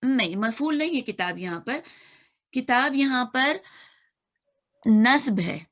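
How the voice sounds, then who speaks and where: A woman's voice: sits high, animated, a little slow, a bit bright. A woman teaching an online grammar class, patiently repeating and spelling out sounds. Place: online video class room.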